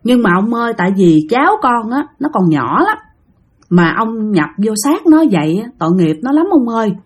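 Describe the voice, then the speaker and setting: A woman's voice: high voice, lively intonation, moderate pace, a bit bright. A woman voicing a frightened aunt in her late forties pleading with a spirit. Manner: timid, pleading.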